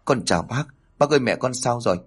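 A man's voice: mid-range voice, animated, quick pace, slightly rough, soft background music. A man reading aloud, voicing a devoted young son in a family storybook tale who speaks earnestly and pleads. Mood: distraught.

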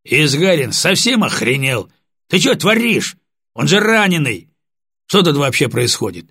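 A man acting out a stern security lieutenant in an audiobook, clipped and commanding. The voice is husky and very dry. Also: medium pitch, big pitch swings, fairly quick, no echo, voice pushed up, full character voice. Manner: commanding, then politely apologetic. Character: stern male security lieutenant, tense and authoritative.

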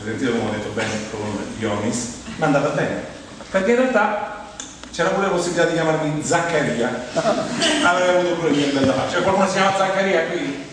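In a humorous, conversational stage monologue, a middle-aged man from Rome, Italy, speaks with a Roman Italian accent in a voice a little high and a little fast. Animated and rambling, he tells stories, acts out quoted lines, and addresses his listeners, all recorded on a distant mic in a very echoey hall with clear background noise.

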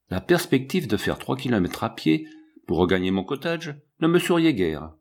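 A man reading an audiobook aloud in an expressive storytelling manner, with a husky voice. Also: medium pitch. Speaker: audiobook reader. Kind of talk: audiobook narration.

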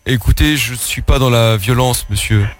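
An unflappable new-age man speaks with calm, formal courtesy, as a man puts him on, his voice at an ordinary middle pitch. Music plays clearly behind him. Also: normal speed, natural voice. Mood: serene. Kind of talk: radio prank call.

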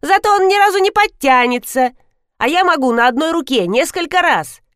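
A woman's voice: high voice, expressive, normal speed, fairly bright tone, dry recording, clean studio sound, voice pushed up. A woman reading an audiobook, voicing a cheeky, mocking teenage girl in a raised, sassy voice. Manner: sassy, sarcastic. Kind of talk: audiobook character voice.

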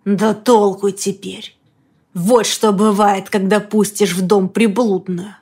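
A woman voicing a furious man who speaks hoarsely and hisses his words slowly with menace. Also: medium pitch, level tone, darkish tone. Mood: enraged. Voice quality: hoarse, hissing.

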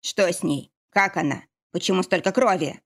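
A woman's voice: lowish voice, normal speed. A woman reading the lines of an anxious, protective young husband in an audiobook, asking insistent questions. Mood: worried.

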